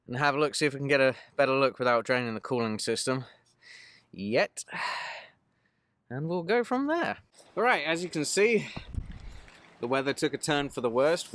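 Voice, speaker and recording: Mechanic vlogger, man in his thirties, plain mid-pitched voice, matter-of-fact phone-camera talk. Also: fairly bright tone. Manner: matter-of-fact, explanatory, frequent "uh" fillers. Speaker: mobile mechanic. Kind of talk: casual work vlog narration. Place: van cab and outdoors at a vehicle in rain. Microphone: phone camera held at arm's length.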